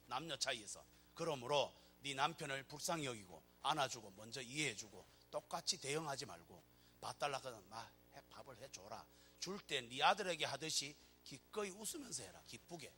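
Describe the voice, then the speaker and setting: A man with a Gyeongsang accent voicing God, who gently tells a wife how to treat her husband, in a low, soft tone during a sermon. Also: slightly rough. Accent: Gyeongsang Korean.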